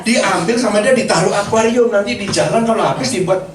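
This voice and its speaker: A middle-aged man, preaching and telling a lively personal story, acting out the dialogue. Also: sits high, brisk, recorded from a distance, over a noisy crowd. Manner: storytelling, animated, acts out dialogue, laughs often. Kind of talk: sermon with personal testimony. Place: church hall. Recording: echoey hall, mic from afar, faint noise.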